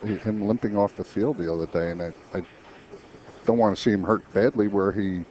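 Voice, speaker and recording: Low, mellow-voiced pool commentator man. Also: moderate pace. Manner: chatty, explains shots with frequent restarts. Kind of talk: casual match commentary. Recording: dull lo-fi stream audio with faint noise.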